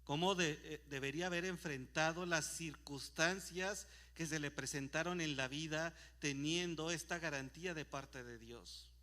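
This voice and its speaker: A man's voice: on the high side, normal speed, few pauses, pushed and bright. A man preaching a sermon in a church, reading scripture aloud with emphasis and asking rhetorical questions. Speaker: pastor.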